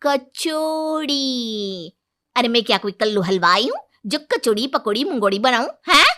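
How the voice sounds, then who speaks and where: A woman voicing a sharp-tongued, defiant young daughter-in-law in a storybook cartoon. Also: high-pitched, lively intonation, unhurried, voice pushed up, full character voice. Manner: bold, cheeky, talks back loudly.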